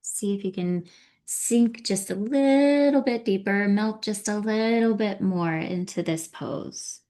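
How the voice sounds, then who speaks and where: A woman teaching yin yoga, guiding each movement in a gentle, soothing, unhurried manner. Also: medium pitch. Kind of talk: guided yoga class instruction.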